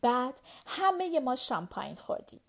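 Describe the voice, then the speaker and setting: Expressive woman reading a novel aloud. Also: high voice, gravelly. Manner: expressive, animated storytelling. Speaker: audiobook narrator. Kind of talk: scripted first-person narration.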